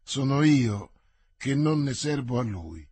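A man reading the part of a shrewd, persuasive male musketeer in an audiobook, in a measured way. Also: mid-range voice, very animated, a little mellow, breathy edge, no echo, full character voice.

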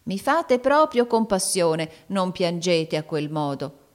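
A woman voicing a sly old woman in a storybook reading, with a shrill, caressing, oily manner. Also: sing-song, slow. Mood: wheedling. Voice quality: shrill yet caressing, unctuous.

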